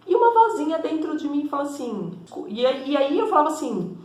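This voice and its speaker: Speaking a little fast in a high-pitched, very animated yet slightly mellow voice, an energy and spiritual therapist teaches to camera in an echoey room. She keeps the explanatory talk conversational, frequently tacking on tag questions to check in.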